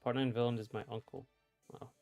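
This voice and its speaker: A man's voice: mid-range voice, flat delivery, brisk, gravelly, darkish tone, soft background music. A man in his thirties, hiccuping through a casual livestream chat, reading chat aloud with wry, blunt remarks. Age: 30s.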